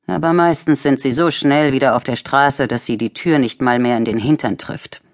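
A woman voicing a tired, calm man in an audiobook thriller, speaking plainly. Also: extremely low pitch, moderate pace. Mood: weary. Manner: weary, calm. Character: tired, calm middle-aged male customer.

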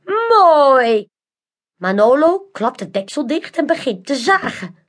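Lively woman reading a children's story. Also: sits high, moderate pace, slight background noise. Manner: expressive, animated, carefully paced. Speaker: audiobook narrator.

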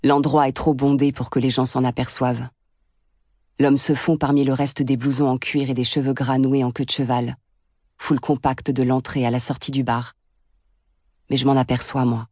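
A woman's voice: very deep voice, little pitch movement, normal speed, a little mellow, no echo. Woman narrating bluntly in a dry studio. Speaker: audiobook narrator. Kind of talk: scripted first-person audiobook narration.

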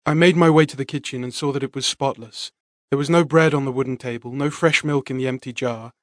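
A man narrating a first-person fantasy audiobook in a measured, dramatic read. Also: mid-range voice, steady tone, no echo, studio quality.

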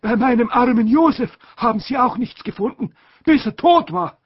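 A man's voice: very high voice, expressive, moderate pace, husky, no echo, pitched above the performer's own voice, full character voice. A man voicing a gushing, fussy, bossy older aunt who talks in effusive exclamations, in a dull lo-fi audiobook recording.

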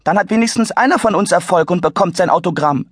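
A man's voice: sits high, fast, breathy edge, dry recording, studio quality, voice pushed up. A man voicing a cheeky, stubborn young boy in a children's audiobook, pushy and grumpy.

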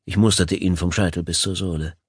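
A man's voice: sits low, steady tone, fairly quick, breathy edge, dry recording. A man narrating an audiobook in the first person, with a sardonic, dry wit.

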